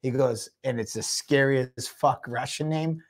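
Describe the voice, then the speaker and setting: A man's voice: mid-range voice, measured pace, vocal fry. A man co-hosting a fight-promotion podcast, talking casually and rambling through fighter background stories, often laughing.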